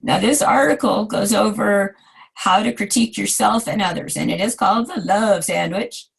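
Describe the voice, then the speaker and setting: A hoarse woman in her forties giving a recorded design lecture, chatty and self-deprecating with asides to her students. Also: mid-range voice, moderate pace. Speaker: design instructor.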